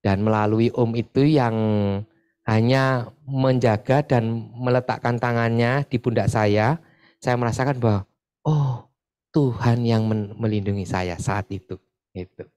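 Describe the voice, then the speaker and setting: A man's voice: mid-range voice, a little slow, pauses often, clear, resonant tone. A man from East Java leading a church group sharing session, talking casually and chatting with many filler tags. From Pasuruan, East Java. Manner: chatty, often adds filler tags, lively when retelling stories. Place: church meeting room.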